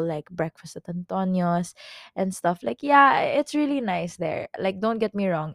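A woman in her twenties with a Filipino accent, hosting her own podcast in a casual, rambling chat full of fillers and quick self-corrections. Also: fairly low pitch, no room sound, studio quality. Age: 20s. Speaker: podcast host.

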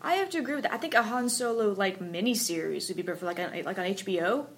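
A woman's voice: mid-range voice, expressive, very fast, a loud crowd. A woman in a casual podcast chat, talking in a chatty way with many fillers. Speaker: podcast co-host, 3D artist.

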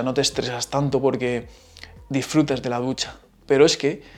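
A man with a Madrid Spanish accent hosts a casual solo podcast, chatting and explaining things with asides. His voice sits in the mid range with a darkish tone.

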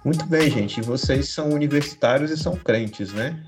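A man's voice: mid-range voice, normal speed, music in the background. A man hosting a podcast in a slangy, joking, informal way. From Cariacica, Espírito Santo, Brazil. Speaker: podcast host. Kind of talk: casual, slangy chat.

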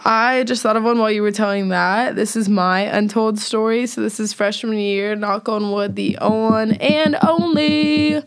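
A young woman trades stories in a casual chat with friends. She tells them with energy, and her voice sits at a middle pitch. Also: little pitch movement, moderate pace, few pauses, clear, resonant tone. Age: young adult.

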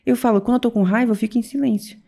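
Fast-talking woman in lively chat. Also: a little high, vocal fry. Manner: animated storytelling, quick and expressive. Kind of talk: casual chat.

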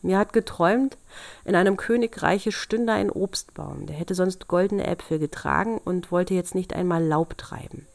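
A shrewd, kindly old grandmother, voiced by a woman reading a storybook aloud speaks in a soothing, coaxing way. The voice sits a little low, and the sound is dry and close. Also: normal speed, gravelly, dry recording. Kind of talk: fairy-tale reading.

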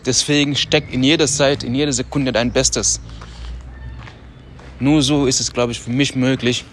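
A man hosting a podcast in a casual, motivational monologue, talking loudly on purpose in a loose, self-talking way with slangy asides, outdoors on a city street. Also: mid-range voice, fairly even intonation, normal speed, slight background noise. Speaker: podcast host.

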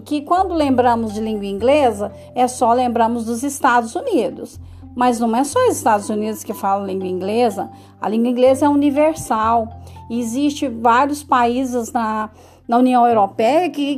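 High-voiced Brazilian woman teaching. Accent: Brazilian Portuguese. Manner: repeats words slowly, frequent tag questions. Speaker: English teacher. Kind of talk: casual lesson monologue.

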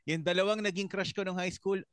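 A man's voice: sits high, steady tone, fairly quick, a bit bright, smooth, no room sound, studio quality. A man co-hosting a casual podcast chat, reading listener comments aloud and joking with friends. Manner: reads comments aloud, jokey and laughing. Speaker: podcast co-host.

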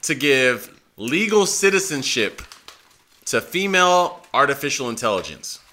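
A man's voice: medium pitch, sing-song, unhurried, sharp tone. A man co-hosting a podcast in casual chat, swearing and laughing often. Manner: loose, profane, laughing often. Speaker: podcast co-host.

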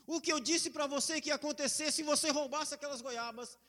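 A man voicing a calm, stern mother who firmly scolds her son, with a long hall echo. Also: very high-pitched, a little fast, pitched above the performer's own voice. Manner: calm, firm.

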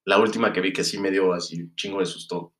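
A young man with a Mexican Spanish accent, co-hosting a casual chat in a relaxed way, often laughing and explaining things. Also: low voice, fast talker, roomy sound. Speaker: podcast co-host.

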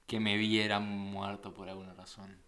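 A man's voice: lowish voice, flat delivery, moderate pace, fairly bright tone. A man joking sardonically in a casual conversation. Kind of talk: casual dark-humored chat.

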